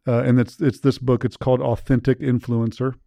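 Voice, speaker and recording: A man's voice: mid-range voice, flat delivery, fairly quick, creaky, warm tone, no room sound. A man hosting a podcast, chatting in a loose, upbeat way and poking fun at himself. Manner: upbeat, loose, self-deprecating. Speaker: podcast host, university president. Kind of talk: casual podcast chat.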